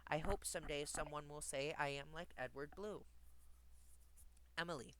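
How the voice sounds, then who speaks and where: A man's voice: on the high side, moderate pace, pushed and bright, a little hiss or hum, poor audio. A man reading rhymed children's stories aloud in a sing-song, rhythmic way as a livestream host. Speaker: streamer reading bedtime stories. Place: home streaming setup.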